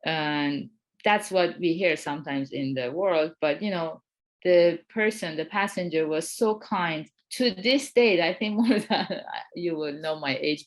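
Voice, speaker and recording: A woman in her forties co-hosting a Buddhist webinar, telling stories with frequent light laughs. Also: low voice. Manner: warm storytelling with frequent laughs. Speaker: co-host of a Buddhist talk. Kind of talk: dharma talk webinar.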